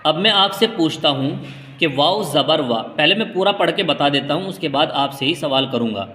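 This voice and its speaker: A man with a bright, rather high voice gives a patient step-by-step reading lesson. He explains each rule calmly and stretches the letter sounds into a half-chant. The room is echoey, with a long reverb trailing each phrase. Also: slight background noise. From India. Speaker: Quran reading teacher.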